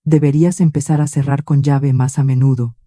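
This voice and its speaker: Pushy smug son-in-law, read by a woman, casual overbearing manner, coaxing, dark dry voice. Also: very deep voice, steady tone, fairly quick, no room sound.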